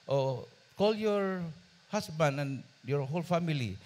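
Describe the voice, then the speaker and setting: Man voicing a kind wealthy woman boss in a sermon story, soft slow English. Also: a little high, lively intonation. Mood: tender.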